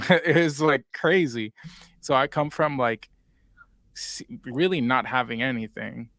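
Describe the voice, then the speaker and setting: The speaker, a Puerto Rican man in his twenties with a Spanish accent, is a guest in a casual interview, telling his story in a roundabout way full of fillers. His mid-range voice is a bit bright and his pace measured, recorded dry.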